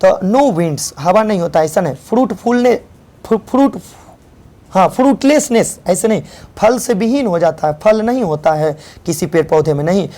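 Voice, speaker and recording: Mellow-voiced woman teaching a lesson. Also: mid-range voice, lively intonation, normal speed. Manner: repeats and explains each term, asks and answers herself. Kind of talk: exam-prep lesson explaining questions.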